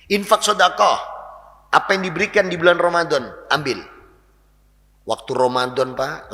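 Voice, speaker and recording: A man preaching a lively, joking sermon in a mosque, often addressing his listeners directly. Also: medium pitch. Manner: lively, jokey, animated, addresses audience as Pak. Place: mosque hall. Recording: long hall reverb.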